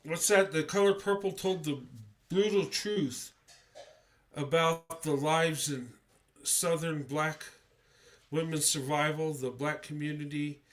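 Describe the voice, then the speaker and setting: Speaking slowly in a slightly high voice, this man hosts a casual livestream while clearly stuffed up and congested. His delivery is rambling and unsure, scattered with fillers and restarts.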